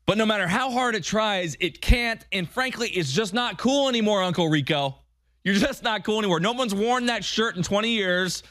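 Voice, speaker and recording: Indignant conspiratorial man ranting, American, high-pitched. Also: expressive, moderate pace, pushed and bright, no room sound. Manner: sarcastic, mocking. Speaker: talk show host. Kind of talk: political opinion rant on a call-in show.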